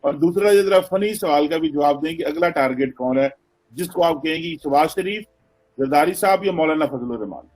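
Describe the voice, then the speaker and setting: A man on a political talk show putting pointed, teasing questions to the host in an animated way. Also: on the high side, moderate pace. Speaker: panelist.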